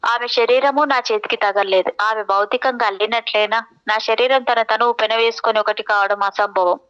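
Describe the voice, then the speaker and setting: Woman reading a novel out loud, slow and thoughtful, clear smooth voice, bit muffled audio. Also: a little high, fairly even intonation. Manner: measured, reflective, poetic phrasing. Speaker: audiobook narrator. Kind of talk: first-person novel reading.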